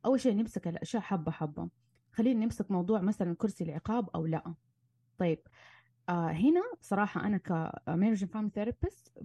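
A woman, a marriage and family therapist giving animated advice in casual conversation and slipping in English terms. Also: medium pitch, husky, dry recording. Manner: animated, acts out arguments, mixes in English terms.

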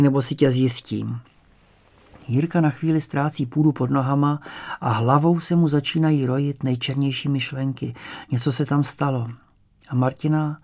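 A man reading a story aloud as an audiobook narrator, in a calm storytelling manner. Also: medium pitch, vocal fry. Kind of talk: scripted narration.

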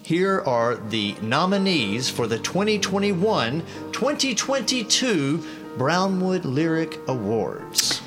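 A man hosting a podcast reads out award nominees in a slow, showy announcer style, with a digital echo effect on his voice. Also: fairly high pitch, sing-song, over music. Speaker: podcast host.

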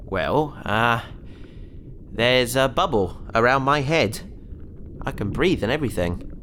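In a sci-fi audio drama, an actor plays a naive, cheerful young man trapped in an alien's fish tank, breezily rambling and justifying himself as he talks his way around trouble. His voice is medium-pitched and a bit bright, with lively intonation and a slow pace, over a little hiss or hum.

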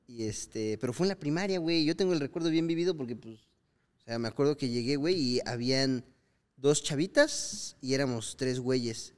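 Mexican man telling animated anecdotes. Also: medium pitch, brisk, smooth. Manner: lively storyteller acting out quoted lines with slang. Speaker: podcast co-host. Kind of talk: casual podcast chat.

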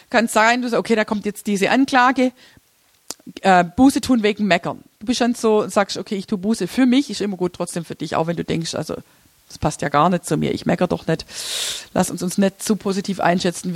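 Woman teaching a church group, chatty and informal, kinda high voice, dry close sound. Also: no echo. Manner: chatty, informal, laughs often, many restarts. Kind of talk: casual teaching talk with slides.

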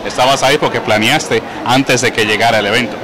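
A man, a guest calmly explaining his ideas in an interview. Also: medium pitch, fairly quick, a crowd in the background. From Puerto Rico.

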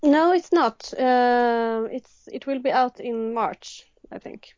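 Speaking slowly in a slightly mellow, fairly high voice, a thirtysomething illustrator from Sweden answers interview questions casually in accented English. She hesitates often, with lots of ums and restarts, and the sound is dry, dull, lo-fi, without echo.

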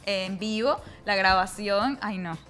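A young woman with a Venezuelan accent, chatting as an interview guest. Her storytelling is animated and comes in quick bursts, at a middle pitch. A faint hint of music sits behind her. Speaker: guest speaker. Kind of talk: casual interview chat.

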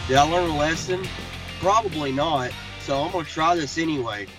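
A man's voice: fairly high pitch, normal speed, over music, rough recording. A man on a casual podcast who talks in an angry, sarcastic way. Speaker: podcast regular.

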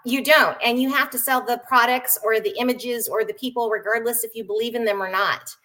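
A middle-aged woman from San Diego, born in Japan, chatting as a guest with many hesitant pauses. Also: a little high, fairly even intonation, sharp tone. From born in Japan, raised in San Diego. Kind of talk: casual conversation.

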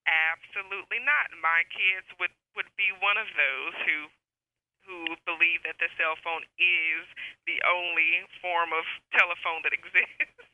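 A woman's voice: lowish voice, steady tone, measured pace. A woman speaking over an old, crackly landline phone that fades in and out. She is a medical provider being interviewed and hesitates with many ums and restarts. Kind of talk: call-in interview. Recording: dull, dry phone line.

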